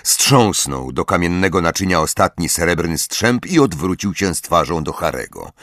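A man narrating an audiobook in measured, expressive storytelling. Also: low-pitched, no room sound, clean studio sound. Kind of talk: scripted narration.

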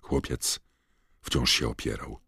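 A man narrating an audiobook with measured, even storytelling. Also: a bass voice, gravelly, husky, no room sound, clean studio sound. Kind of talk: scripted narration.

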